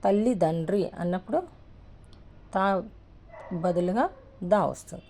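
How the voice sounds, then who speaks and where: A woman with a Telugu accent teaching the alphabet, slowly repeating each letter one at a time. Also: lowish voice, dark tone, a little hiss or hum. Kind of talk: alphabet lesson, writing on a board.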